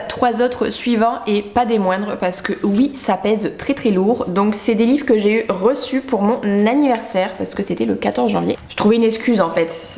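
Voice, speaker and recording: A woman's voice: mid-range voice, gravelly, a little mellow. A young woman chatting casually about the books she bought, talkative and self-mocking with lots of fillers. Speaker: book vlogger. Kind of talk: casual book haul chat. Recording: echoey room.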